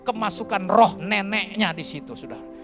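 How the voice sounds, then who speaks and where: High-voiced pastor telling a lively sermon. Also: male voice, moderate pace, music in the background. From Kalimantan, Indonesia. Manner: lively, colloquial, keeps addressing the congregation. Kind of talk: storytelling sermon. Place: church.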